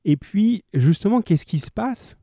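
A male teacher reads a novel aloud and then talks a remote class through it. He is chatty and stops often to correct himself. His voice is dark and mellow, and the sound is dry. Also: high voice, expressive, measured pace, no echo. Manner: chatty, with hesitations and self-corrections.

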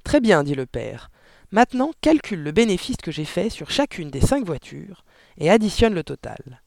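A man's voice: high voice, very animated, moderate pace, gravelly, no echo, full character voice. A man voicing a boastful, bullying middle-aged father in an audiobook story. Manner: bragging, then shouting in anger.

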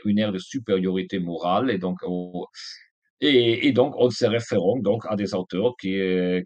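A man's voice: lowish voice, a little mellow, no room sound. A man being interviewed as a guest author, speaking hesitantly and often restarting his words. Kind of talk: interview answers.

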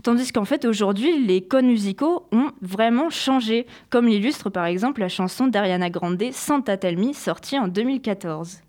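A woman's voice: mid-range voice, animated, normal speed, hardly any pauses, darkish tone. Young woman, chatty radio columnist, self-mocking asides, fillers.

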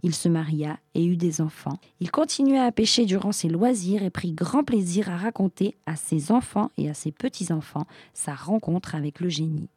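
A woman narrating a fairy tale in a calm, even storytelling manner. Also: fairly low pitch, normal speed, hardly any pauses, breathy edge, dry recording, clean studio sound.

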